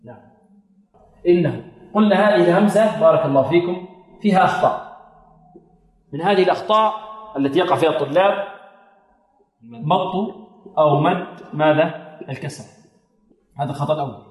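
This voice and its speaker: A man's voice: a little high, brisk, long pauses. A man teaching Quran recitation. He asks his students questions, answers them himself and chants short demonstrations. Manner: asks the class questions and answers them, repeats a blessing often. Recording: roomy hall with long reverb.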